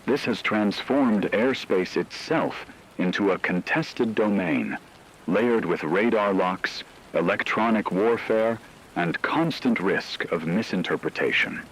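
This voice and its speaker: Over a noisy hiss like rain, a man with a lowish voice plays a grave war analyst, a news correspondent, in a scripted emergency radio broadcast. His delivery is measured, formal and ominous, with a foreboding mood.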